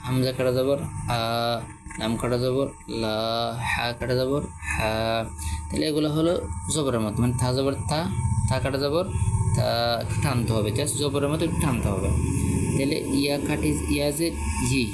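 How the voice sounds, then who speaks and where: Male Quran reading teacher, mid pitch, patient syllable drills, steady background noise. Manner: slow, drawn-out drilling of letter sounds; quizzes listeners with short questions. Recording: noisy background.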